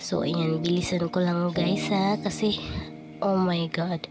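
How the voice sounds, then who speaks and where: A woman's voice run through a pitched-down voice changer. She talks slowly and chattily to her viewers, sounding a little stuffed up from a cold and cough. Loud music plays underneath throughout. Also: fairly even intonation. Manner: chatty, addresses viewers as guys. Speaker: vlogger. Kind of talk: casual narration of a doll-game morning routine. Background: loud background music.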